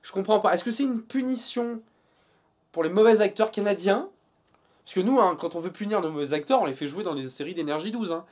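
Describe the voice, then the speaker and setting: A man's voice: high-pitched, brisk, a little mellow. A man reviewing TV series in a casual video, joking and sarcastic at times, then settling into an earnest critique.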